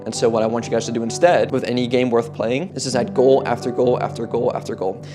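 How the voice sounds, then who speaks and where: A Dutch fitness coach in his twenties gives a casual, earnest motivational talk about goals, rambling in loose sentences stuffed with "like" and "kinda." His ordinary mid-pitched male voice moves fast with little pitch variation, and clear guitar music plays behind him the whole time.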